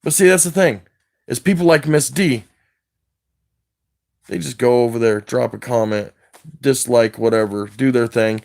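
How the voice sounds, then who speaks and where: Wired, rambling man with gravelly voice. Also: medium pitch, normal speed, pauses often, darkish tone. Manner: agitated, wired and rambling, jumping between thoughts; swears heavily. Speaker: livestreamer. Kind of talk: rambling livestream rant.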